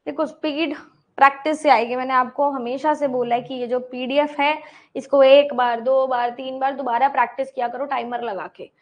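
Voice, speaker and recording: A woman's voice: sits high, steady tone, moderate pace, muffled recording. A woman teacher explaining a puzzle step by step, repeating items and checking in with her students. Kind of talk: online class explanation.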